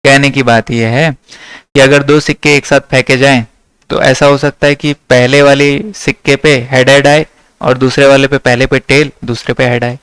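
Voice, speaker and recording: A man's voice: medium pitch, level tone, moderate pace, a bit bright, clean tone, no echo. A young man from teaching maths to a class, checking often that his students follow. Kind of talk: classroom lecture.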